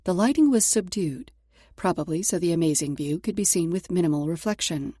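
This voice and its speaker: A woman's voice: lowish voice, dark tone, dry recording, clean studio sound. A woman narrating romance fiction from a script in a sultry, intimate storytelling manner. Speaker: audiobook narrator.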